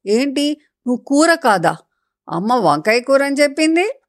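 A woman voicing an eager, curious five-year-old girl in a children's story, asking question after question. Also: slow. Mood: excited. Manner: eager, excited, high.

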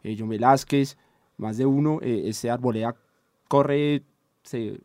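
A man's voice: medium pitch, a little slow, a little mellow, dry recording, clean studio sound. Rambling man debating football. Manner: rambling, many restarts and "¿sí?" tags. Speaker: sports talk co-host.

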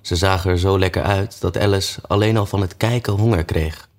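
Male storybook narrator, deep voice, relaxed read with hesitations. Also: brisk. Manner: relaxed reading with frequent "eh" fillers. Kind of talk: storybook reading.

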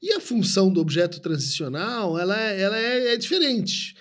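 A man's voice: sits high, sing-song, normal speed, fairly bright tone. Guy lecturing on psychoanalysis in a chat, keeps asking "right?". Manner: lecturing, frequent "né?" tags. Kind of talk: conversational discussion, explaining concepts.

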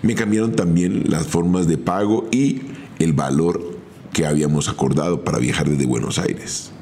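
A middle-aged man with a Colombian accent, a former footballer telling his own career story in a measured, step-by-step podcast monologue. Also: low-pitched, mellow, a little hiss or hum. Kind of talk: first-person podcast storytelling.

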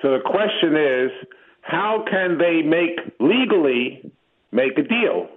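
A man calling in to a radio show, heard over the phone, slowly and carefully explaining a question. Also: on the high side, big pitch swings. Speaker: caller. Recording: tinny phone line.

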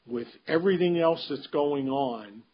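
A man giving a casual solo recap of a golf tournament, pausing often with ums and restarting his sentences. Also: on the high side, expressive, slightly rough, highs cut off. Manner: halting, many ums and restarts, measured. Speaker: golf commentator. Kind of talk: unscripted solo commentary.

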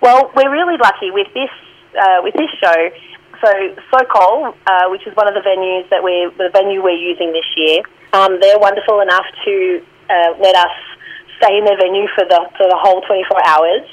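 A woman's voice: mid-range voice, normal speed, lo-fi sound. A woman, an improv performer, chatting in a friendly way as an interview guest and laughing easily. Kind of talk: casual interview chat.

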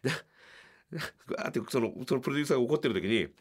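A middle-aged man hosting a podcast from a small radio studio, telling a comedy story and acting out the people in it with loud, shouted bursts. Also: animated, very fast. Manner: acts out quoted shouting with big pitch jumps. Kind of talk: animated storytelling.

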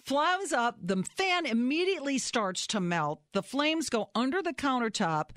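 A woman's voice: high-pitched, moderate pace, no echo. Middle-aged woman, casual storyteller, self-mocking, acts out the big moments, dry close sound. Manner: animated, self-mocking storyteller who acts out her own shouts.

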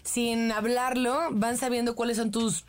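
Guest, Mexican woman, mother, rambling chatty delivery, quiet music under. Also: on the high side, flat delivery, a little slow. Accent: Mexican Spanish. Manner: talkative, many restarts and fillers. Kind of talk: casual chat.

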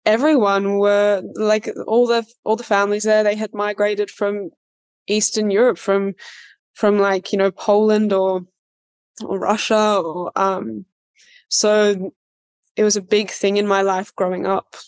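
A young woman in her mid-twenties chatting in an interview. She speaks loosely and warmly, circling back with fillers and restarts, and laughs easily between thoughts. Her voice sits at an ordinary middle pitch. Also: flat delivery, a little slow, clear, resonant tone. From Australia. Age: 20s. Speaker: actor being interviewed. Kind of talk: casual interview chat.

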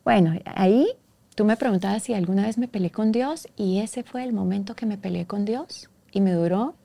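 A woman from Guatemala speaks as an interview guest, telling a painful personal story. Her voice is gravelly and dark, and she talks in a halting, emotional way, breaking off and restarting as she retells old conversations. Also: medium pitch.

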